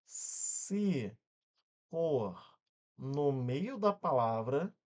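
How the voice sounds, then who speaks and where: A man with a Brazilian accent teaching an exam-prep grammar lesson, energetic and constantly checking in with quick questions while he spells words out syllable by syllable. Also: mid-range voice. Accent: Brazilian Portuguese.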